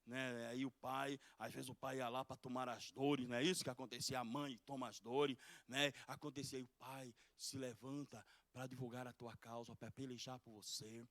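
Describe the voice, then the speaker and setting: A middle-aged pastor from Pernambuco, preaching a fervent sermon that swings from loud exhortation to soft pleading. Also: male voice, mid-range voice, little pitch movement, moderate pace, few pauses, dry recording. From Pernambuco, Brazil. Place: church sanctuary.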